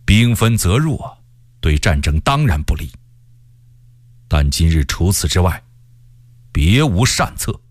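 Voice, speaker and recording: A man's voice: deep voice, very animated, takes it slowly, long pauses, no echo, pitched below the performer's own voice, heavily acted. A man voicing a proud, stubborn male army commander who speaks in a stern, scornful way. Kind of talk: storytelling character voice.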